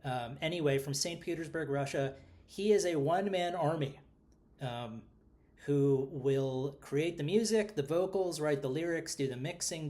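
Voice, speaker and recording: A man's voice: on the high side, a little mellow. A middle-aged man with a New York accent co-hosting a casual podcast, rambling and self-deprecating, full of fillers. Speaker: podcast co-host.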